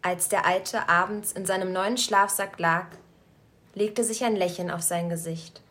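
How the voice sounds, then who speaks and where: A woman narrating a story aloud in a calm, measured storytelling voice. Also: mid-range voice. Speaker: story reader.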